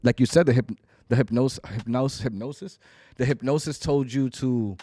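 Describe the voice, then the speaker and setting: A man's voice: mid-range voice, normal speed, dark tone. A man in his late thirties hosting a podcast, chatting casually and reflectively, swearing freely. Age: 30s. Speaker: podcast host. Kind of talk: casual chat.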